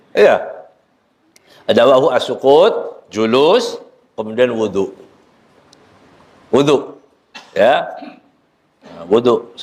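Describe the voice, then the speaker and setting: Joking Indonesian preacher in a prayer room. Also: male voice. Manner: joking, lively swings in pitch, quotes Arabic then explains. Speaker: ustadz teaching a book study. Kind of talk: sermon.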